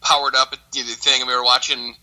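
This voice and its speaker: Bright-voiced man telling stories on a podcast. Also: medium pitch, fairly quick, rough recording. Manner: animated storyteller, acts out quotes. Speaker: podcast co-host. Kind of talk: casual chat.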